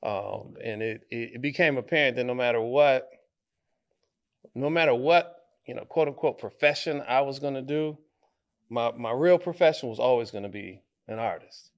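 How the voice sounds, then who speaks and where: A guest artist from Detroit with a medium-pitched voice answers interview questions in conversation, thoughtful and halting, with many fillers and restarts.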